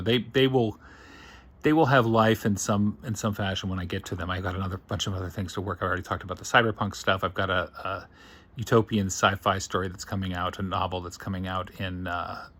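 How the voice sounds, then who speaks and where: A science fiction writer thinking aloud in a casual, digressive monologue. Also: male voice, low-pitched, fairly bright tone.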